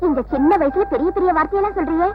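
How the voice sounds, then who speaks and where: A woman playing a gentle, caring wife in 1970s film style. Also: extremely high pitch, rapid-fire, noisy background. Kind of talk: 1970s Tamil film acting. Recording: tinny old film soundtrack with loud music.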